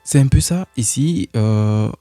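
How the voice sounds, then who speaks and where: Male language teacher, low mellow voice, unhurried, repetitive, faint music under a dry recording. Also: expressive, no echo. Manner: slow, repetitive, with many fillers. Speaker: German teacher. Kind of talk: online German lesson explained in French.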